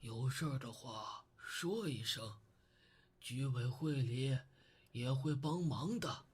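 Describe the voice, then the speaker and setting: A man as a slow, kindly old neighbor. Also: mid-range voice, a little hiss or hum, lightly acted. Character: friendly old male neighbor, the Uncle.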